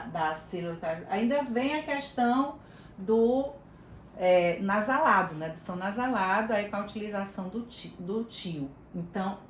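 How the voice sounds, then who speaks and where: A woman's voice: medium pitch, reverberant, a little hiss or hum. Woman teaching over a video call. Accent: Brazilian Portuguese. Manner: warm explanatory, chatty asides, addresses listeners by name. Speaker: teacher trainer. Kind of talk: online training lecture.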